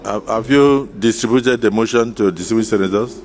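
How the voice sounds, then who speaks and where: A man with a Nigerian accent presiding over a Senate, giving halting, deliberate rulings and calling votes. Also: lowish voice, a little mellow, a little hiss or hum. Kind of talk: procedural chairing. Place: legislative chamber.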